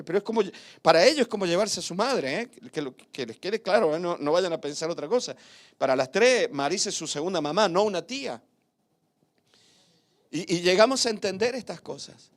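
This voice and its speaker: Man preaching in a chatty, lively way. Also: high voice. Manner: conversational preaching with rhetorical questions and tag questions; lively, swings between raised emphasis and quiet asides. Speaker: pastor. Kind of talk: sermon.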